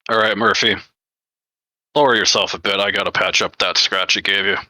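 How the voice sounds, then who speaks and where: A man's voice: fairly low pitch, fairly even intonation, a little fast, bright, forceful tone, no echo. A man describing his character in a tabletop game, rambling and hesitant with many fillers. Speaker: player. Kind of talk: tabletop play and narration.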